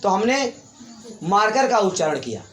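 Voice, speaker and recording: High-voiced teacher in echoey classroom. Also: male voice, sing-song, normal speed. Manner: repetitive, quizzing students. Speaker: English teacher. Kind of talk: classroom grammar lesson. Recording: echoey room, faint hiss.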